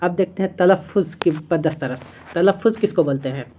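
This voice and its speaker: Woman, teacher, exam-prep lecture, slightly low pitch, repeats key terms, hesitant fillers. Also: moderate pace, dark tone, slight background noise. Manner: explains step by step, repeats key terms, often checks with "theek hai"; hesitant fillers and self-corrections.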